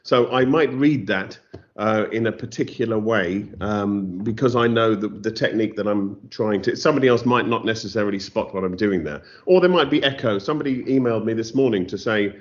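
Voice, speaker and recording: Fairly quick and on the low side, the English-accented man speaks as a novelist guest in an interview. The recording is slightly dull and lo-fi, and his thoughtful, self-deprecating answers include many restarts.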